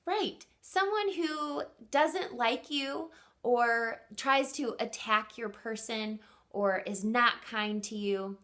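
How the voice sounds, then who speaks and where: This is a fairly high-pitched female teacher and host doing an animated story read-aloud for little ones, often halting to ask her listeners questions.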